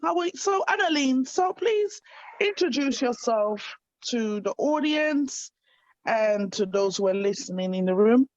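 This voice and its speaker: A woman's voice: on the high side, expressive, measured pace, darkish tone, no echo. Upbeat woman hosting an interview. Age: 30s. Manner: enthusiastic, affirming. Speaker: host. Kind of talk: online interview show. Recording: dry, slightly dull sound.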